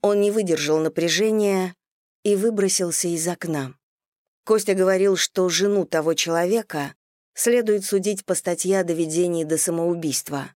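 An audiobook narrator reading a novel in steady, even scripted narration. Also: medium pitch, normal speed, dry recording, studio quality.

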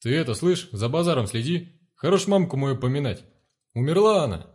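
Man doing a young male guard, panicky, whiny, raised pitch, storybook reading. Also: animated, moderate pace, darkish tone. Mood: offended. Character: jumpy young male station guard, scared.

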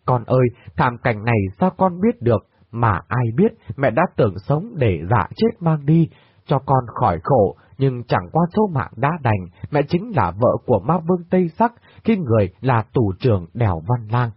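A heartbroken older mother, choking on her words as she pours out a painful confession, as a man reads her part. Her voice is husky and swings widely in pitch. The sound is dry and tinny, like a phone line. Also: big pitch swings, normal speed, no room sound. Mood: grieving. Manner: sobbing, choked lament. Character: grief-stricken older woman, a mother.

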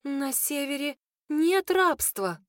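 A woman voicing an excitable, warm young woman in an audiobook, speaking eagerly. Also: high-pitched, slow, no room sound, studio quality, voice pushed up, heavily acted. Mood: excited. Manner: eager, gasping.

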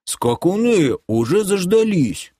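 A man putting on a high, drawling carefree old creature grandpa. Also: very animated, takes it slowly, warm tone, slightly rough, no echo, studio quality, full character voice. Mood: brisk. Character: eccentric cheerful old male creature grandpa. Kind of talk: audiobook character voice.

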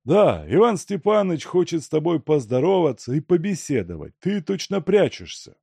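A man playing a worried old merchant father who frets and pleads in a lively, gravelly voice, in a storybook reading. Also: a little high, moderate pace, no room sound, voice pushed up, exaggerated voice. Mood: fretful. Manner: fretful, pleading.

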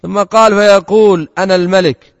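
A man reading a classical religious text aloud to a teacher in steady, formal recitation. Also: high-pitched, a little fast. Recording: dull recording with long hall reverb.

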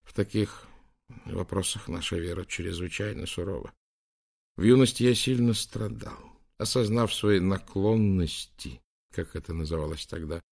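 A soft-spoken old bishop, sorrowful and devoted, as a man reads him aloud in an audiobook. His voice sits deep and gravelly, hushed and confiding, like a confession in a quiet room. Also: moderate pace. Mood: confessing.

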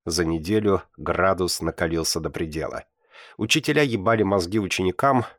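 A man narrating a first-person audiobook in a measured, deliberate reading, with blunt slang. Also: deep voice, dry recording, studio quality.

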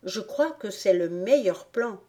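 A woman reading an audiobook and voicing a curious young girl who turns bold and indignant, her voice lifting high when she threatens. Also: expressive, measured pace, natural voice. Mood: musing. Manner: raised, higher voice when shouting threats.

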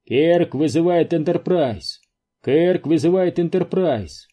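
A man voicing a weary male driver who explains things flatly and bluntly. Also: mid-range voice, unhurried, breathy edge. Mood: grim.

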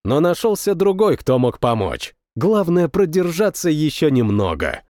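A man narrating a first-person war story as an audiobook, reading with expressive, dramatic delivery. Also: on the high side, normal speed, no room sound, clean studio sound.

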